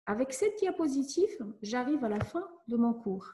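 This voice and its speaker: A woman teacher giving a lesson to children, speaking slowly and clearly as she explains each step. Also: on the high side, animated, dark tone, slight background noise. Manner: slow, clear, instructive. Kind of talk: classroom lesson narration.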